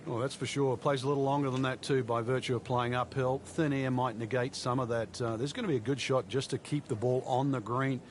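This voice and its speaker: A man's voice: medium pitch, steady tone, a little fast, few pauses, lightly acted. Man as conversational golf analyst, faint outdoor noise. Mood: conversational analysis. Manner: conversational, explanatory. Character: conversational male golf analyst in a video game. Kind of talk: golf commentator colour commentary. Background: faint outdoor ambience.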